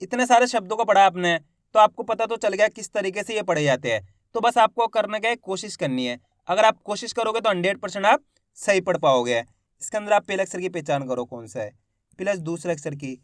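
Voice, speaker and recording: A man teaching children's reading, sounding out each word slowly and repeating it. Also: high voice, expressive, no echo, clean studio sound. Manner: reads each word slowly twice, then explains quickly. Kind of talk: slow drilled word reading lesson.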